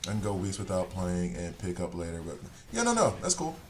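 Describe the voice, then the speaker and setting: Streaming a game, this Swiss man, not a native German speaker, talks on and on with viewers and reads their chat aloud. His deep voice swoops wildly in pitch, and he speaks fairly quickly over slight background noise.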